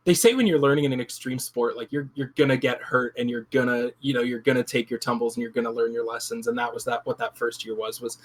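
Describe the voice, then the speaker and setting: A man talking casually as a podcast guest, reflective, often restarting his sentences. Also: mid-range voice. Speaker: podcast guest, game project lead. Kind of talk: casual chat.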